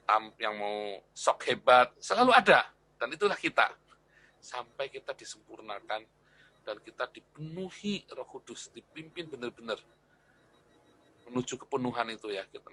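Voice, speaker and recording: A middle-aged man leads a church discipleship class in a relaxed, talkative way. His voice is bright and forceful. He keeps repeating key phrases and checks in with his listeners. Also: mid-range voice. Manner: chatty, repeats phrases, tags lines with "ya" and "kan". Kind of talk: informal class teaching on the Bible.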